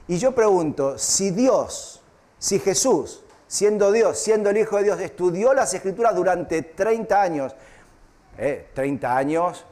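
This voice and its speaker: A man's voice: on the high side, darkish tone. A man pastor preaching a live church sermon, often asking the congregation questions and tagging on "¿eh?". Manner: asks the congregation questions, repeats "¿eh?". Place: church hall.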